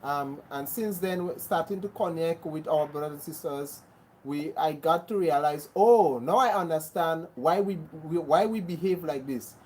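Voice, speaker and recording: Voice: mid-range voice, moderate pace, a little mellow, husky, rough recording. Grenadian host greeting livestream viewers. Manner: repeats greetings, thanks viewers by name. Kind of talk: casual livestream chat.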